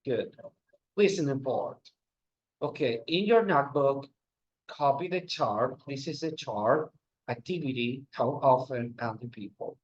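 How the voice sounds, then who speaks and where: A man's voice: mid-range voice, expressive. A man teaching an English lesson on video, giving instructions and modeling sentences. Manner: explains slowly and gives classroom instructions. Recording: dull lo-fi sound.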